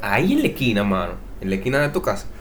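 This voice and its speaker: A man's voice: on the low side, big pitch swings, racing, soft background music. A man with a Dominican accent co-hosting a podcast, chatting and joking in playful banter. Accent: Dominican Spanish. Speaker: podcast co-host. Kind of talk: casual chat.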